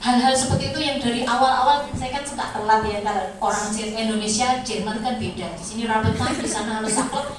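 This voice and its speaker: Animated woman lecturing in a hall. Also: fairly high pitch, fast, few pauses, a crowd in the background. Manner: animated storytelling, acts out voices, laughs often. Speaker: kindergarten teacher giving a talk. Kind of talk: lively lecture to students. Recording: echoey room, voice from far off.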